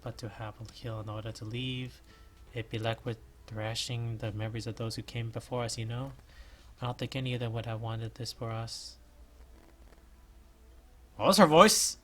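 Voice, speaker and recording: A man's voice: medium pitch, brisk, slight background noise. A man hosting a reaction video, reading a fan game aloud and voicing each character, with a sore throat. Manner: animated, switching voices for each character.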